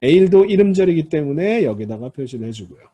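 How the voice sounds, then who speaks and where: Male language teacher, lively pitch, slightly husky, patient step-by-step lecturing, sounds out examples aloud. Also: fast talker. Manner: explains step by step, addresses students politely; demonstrates Hebrew word stress aloud. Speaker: Hebrew instructor. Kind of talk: recorded lecture.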